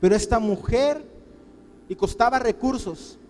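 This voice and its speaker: A man's voice: very high-pitched, measured pace, a little mellow, long reverb tail, a little hiss or hum. A man preaching a sermon as pastor, impassioned, acting out people's pleas in quotes. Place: church.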